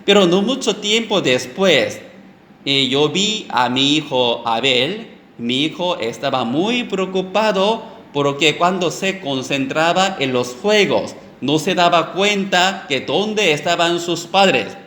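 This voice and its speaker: A man preaching a sermon and telling a story, halting often with fillers and restarted phrases. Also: fairly high pitch, lively intonation, a bit bright. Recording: echoey room with faint background noise.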